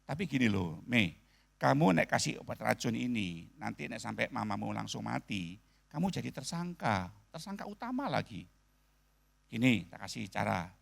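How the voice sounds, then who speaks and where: Man playing a sly deep-voiced old shopkeeper. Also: sing-song, normal speed, vocal fry, full character voice. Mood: sly advising. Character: shrewd older male medicine-shop keeper, calm and sly.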